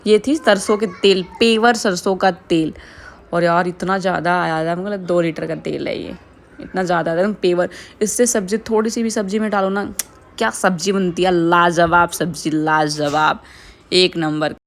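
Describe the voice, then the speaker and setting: A woman's voice: fairly low pitch, fairly even intonation, normal speed, vocal fry. Young woman vlogger from India, casual voice-over, chatty, laughs often.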